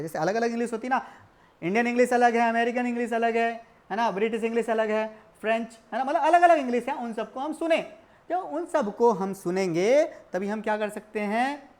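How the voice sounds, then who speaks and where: A man with a very high voice teaches an exam-prep lecture in a lively style, asking questions and answering them himself. He keeps calling his students brother and kids, and he stretches English definitions out slowly.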